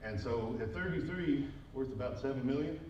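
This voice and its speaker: A man's voice: mid-range voice, lively intonation, normal speed, darkish tone, lo-fi sound. A man in his thirties telling his life story to a live audience in a casual, self-deprecating way with many fillers, a little out of breath. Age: 30s. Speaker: speaker at a business event. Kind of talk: personal testimony talk to a live audience. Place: large event hall with a live audience. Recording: echoey hall, mic far off, crowd noise.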